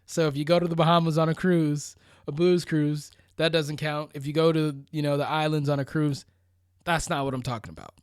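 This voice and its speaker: A Florida vlogger motivates his audience in a casual, conversational, emphatic monologue, checking in often with rhetorical questions and asides. His voice is a little high, level in tone, brisk, and smooth. The sound is clean studio audio with no echo.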